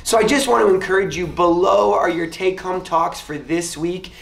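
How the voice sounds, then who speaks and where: A man's voice: high voice, steady tone, normal speed, vocal fry. Man, pastor, upbeat encouraging youth talk, roomy echo, a bit distant from the mic. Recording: echoey room, off-mic.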